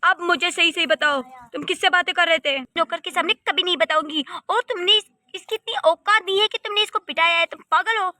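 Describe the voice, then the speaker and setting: A woman's voice: very high voice, fairly quick, hardly any pauses, sharp tone, no room sound. A woman voicing a spoiled, haughty young rich wife in a cartoon story, scolding and scornful. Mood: angry.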